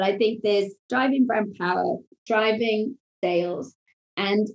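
A woman with a Welsh accent, a marketing executive explaining her work in a podcast interview, measured and full of corporate phrasing. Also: mid-range voice, darkish tone, roomy sound, muffled recording.

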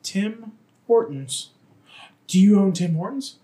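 Deadpan, higher-voiced male guest. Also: slow. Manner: deadpan, dry jokes. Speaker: podcast guest. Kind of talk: casual banter.

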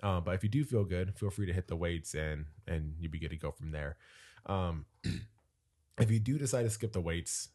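Very deep-voiced man getting over a cold. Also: normal speed. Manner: relaxed, many fillers, jokey. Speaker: podcast co-host. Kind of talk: casual podcast chat.

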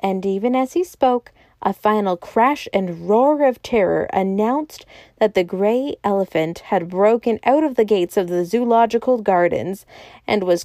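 Mellow woman reading a novel aloud. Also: mid-range voice, no room sound. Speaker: audiobook narrator. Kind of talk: scripted narration.

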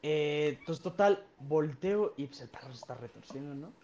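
A man's voice: on the high side, expressive, moderate pace, a little mellow, slight background noise. A young man with a Mexican Spanish accent telling a story on a podcast in a rambling, slangy way with lots of fillers. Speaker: podcast co-host. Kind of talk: casual storytelling. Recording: dull lo-fi sound.

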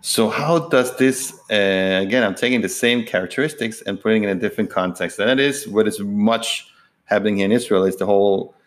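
A man's voice: lowish voice, brisk. A man from Denmark, hosting an interview and often searching for words and rephrasing mid-sentence. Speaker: interviewer, host. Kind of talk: conversational interview.

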